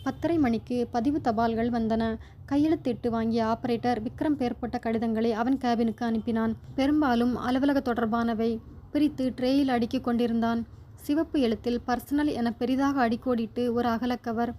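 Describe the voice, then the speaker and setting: A woman narrates a story in a measured, dramatic way. Her voice sits fairly high yet sounds soft and mellow. It is a steady, scripted reading. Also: a little hiss or hum.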